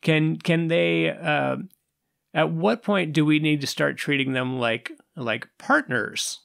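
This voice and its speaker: A man's voice: on the high side, takes it slowly, creaky, fairly bright tone. A man hosting a podcast discussion, thinking aloud hesitantly and repeating words as he searches for a question. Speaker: podcast co-host.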